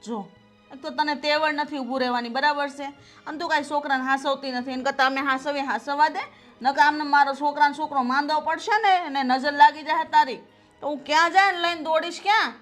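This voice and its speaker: High, sharp actress playing a domineering grandmother, bossy and scolding, soft score underneath. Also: fairly even intonation, brisk, soft background music. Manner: scolding, bossy; coos in baby talk to the infant. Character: harsh domineering mother-in-law, grandmother. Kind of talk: Gujarati film drama acting.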